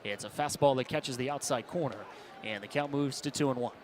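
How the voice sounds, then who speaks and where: An American play-by-play man with a mid-range voice talks a little fast as he calls a live baseball game in clipped present tense, building to swells on big plays. The sound of an outdoor stadium and ballpark ambience fills the background.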